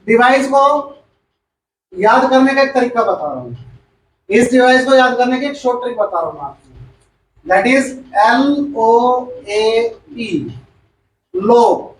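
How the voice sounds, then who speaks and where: A male chemistry teacher lectures his class in a very high-pitched voice, speaking slowly with long pauses. He repeats each point and quizzes students as he goes. The mic is far away in an echoey room, with slight background noise.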